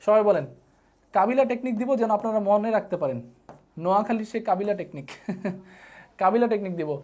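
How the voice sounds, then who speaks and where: A woman's voice: mid-range voice, fairly quick, a little mellow. A woman teaching a live online geography lesson, often checking whether the students have understood and giving them playful memory tricks. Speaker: online tutor.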